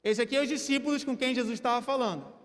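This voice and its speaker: A man with a Brazilian Portuguese accent preaching a sermon to a church congregation, animated and drawing listeners into a staged demonstration. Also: very high-pitched, very fast. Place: church hall. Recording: church hall with long reverb.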